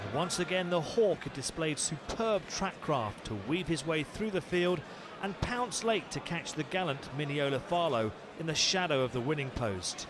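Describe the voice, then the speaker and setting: Polished male sports narrator, slightly high. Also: expressive, normal speed, noisy background. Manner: polished, emphatic voice-over delivery. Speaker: programme presenter.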